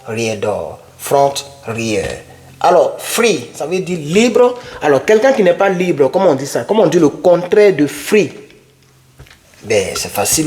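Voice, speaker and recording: A man teaching English vocabulary in a casual whiteboard lesson, repeating each word many times and putting questions to his viewers. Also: mid-range voice.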